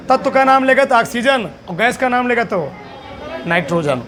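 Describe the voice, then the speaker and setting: A man's voice: high voice, a bit bright. A male teacher giving a lecture, asking questions and answering them himself, repeating each answer to drill it in. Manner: quizzing, asks then answers his own questions; emphatic, drills answers by repetition. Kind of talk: classroom lecture.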